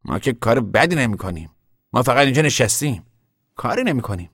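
A man's voice: mid-range voice, very animated, a bit bright, breathy edge, dry recording, studio quality, heavily acted. An actor playing an earnest young male drifter in a radio drama, speaking in an insistent way. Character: young male drifter, stubborn yet hopeful.

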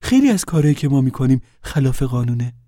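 A man's voice: mid-range voice, sing-song, dark tone, no room sound, studio quality, voice pushed up, lightly acted. Man doing a stern, weary farm woman. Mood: firm.

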